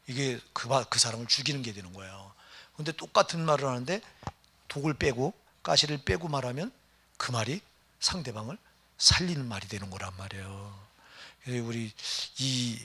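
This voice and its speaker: A man's voice: mid-range voice, pushed and bright, husky. A middle-aged man, a pastor, preaching a sermon in a conversational way and often putting questions to the congregation. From Gyeonggi Province, Korea.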